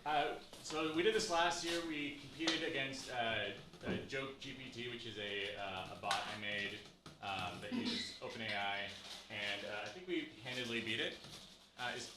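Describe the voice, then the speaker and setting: A man's voice: medium pitch, normal speed. Man hosting in an echoey, noisy room. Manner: casual, hesitant, lots of ums and uhs. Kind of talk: introducing a game to a live audience. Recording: echoey room, distant mic, audible noise.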